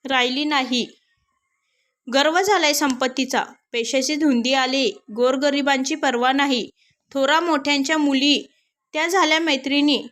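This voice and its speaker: Indignant old beggar lady scolding slow and firm, as a lady storyteller puts her on, high voice. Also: fairly bright tone. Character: angry proud old beggar woman.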